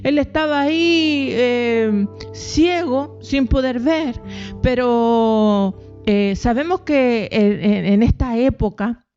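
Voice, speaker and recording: Woman pastor, devotional sermon. High-pitched, halting delivery with repeated words, rising to cries on pleas. Dull lo-fi recording, soft music bed. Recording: dull lo-fi audio, faint music.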